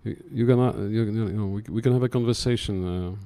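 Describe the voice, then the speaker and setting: Gravelly, low-voiced man, chatty and stammering. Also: a little fast, dark tone. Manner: stammering restarts, loose and chatty. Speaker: curator in conversation. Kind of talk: casual remarks to an audience. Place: talk room before an audience.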